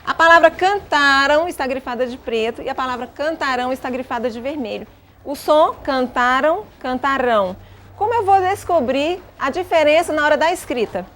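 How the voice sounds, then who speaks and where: High-voiced Brazilian woman teaching a class. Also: expressive, fairly bright tone, slight background noise. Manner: patient, asks pupils guiding questions, fills pauses. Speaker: schoolteacher.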